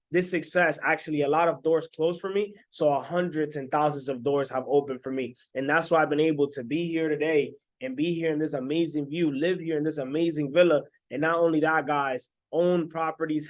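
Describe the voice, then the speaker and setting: A man in his twenties, from the Dominican Republic, giving an energetic motivational sales pitch as an online business coach, often tagging his sentences with "right?". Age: 20s. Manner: energetic, repetitive, keeps asking "right?".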